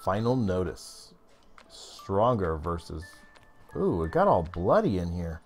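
A male streamer talks his way through a game live, reading out chat and reacting loudly. His voice swings up and down a lot, and faint game music plays behind him. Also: low-pitched, big pitch swings, slow. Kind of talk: live gameplay commentary.

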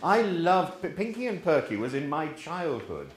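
Older English male teacher, rambling and animated, echoey classroom. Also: fairly high pitch, normal speed. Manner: rambling, with many ums and restarts. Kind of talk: informal classroom talk. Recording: echoey room, faint hiss.

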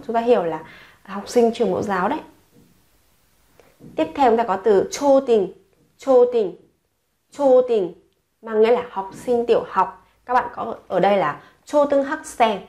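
A woman's voice: fairly high pitch, darkish tone. A woman teaching Korean slang to learners in the second person, saying each word several times before explaining it. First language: Vietnamese.

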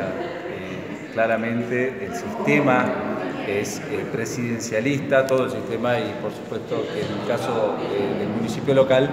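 A young man in his thirties with an Argentine Spanish accent, answering interview questions as a local council president in measured sentences with many pauses. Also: mid-range voice. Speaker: council president acting as mayor. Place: large echoey council chamber, indoors. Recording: echoey hall with crowd chatter.

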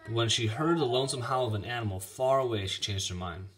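A man reading a children's chapter book aloud in an expressive, lively manner. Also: medium pitch, fast. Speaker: reader. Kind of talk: storybook read-aloud.

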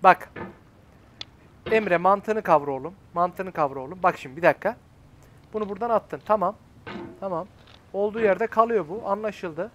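A young Turkish man in his twenties talks his way through a frustrating game in a high voice, muttering encouragement and grumbling at himself. A faint hum sits behind him. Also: moderate pace, long pauses, fairly bright tone. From Turkey. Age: 20s. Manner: talks to himself, coaxing and fretting. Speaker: gaming YouTuber. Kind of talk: casual gameplay commentary.

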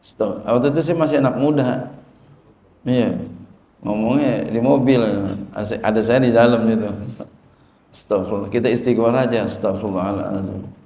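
A middle-aged man teaches a Quran commentary in a chatty, repetitive way. His voice is dark and gravelly. The sound is roomy, with a clear echo around him. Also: fairly low pitch, moderate pace, pauses often. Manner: repetitive, conversational, acts out quoted people. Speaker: religious teacher. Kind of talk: colloquial Quran commentary lesson.

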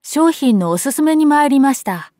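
Woman voicing a cheerful young salesman, raised pitch. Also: expressive, a little mellow, no room sound, studio quality. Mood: cheerful, polite. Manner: brisk, polite sales patter. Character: cheerful, polite young male butcher's salesman. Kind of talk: acted storytelling.

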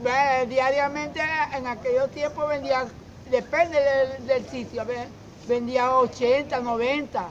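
A middle-aged man from Zulia with a Venezuelan accent, answering a street interview haltingly and often repeating words. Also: very high-pitched, little pitch movement. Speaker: interviewee, former street newspaper seller. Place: outdoor fruit stall on a city street. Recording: muffled, with loud street noise.

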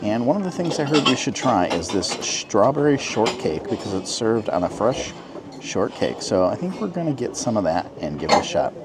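A man's voice: on the low side, big pitch swings, moderate pace, noisy background. A man in his forties filming a casual vlog on a handheld phone, chatty and upbeat as he talks to his viewers. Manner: upbeat, chatty, tells the viewers what he sees. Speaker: travel and food vlogger. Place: outside a restaurant at night, then inside a diner. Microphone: handheld phone camera at arm's length.

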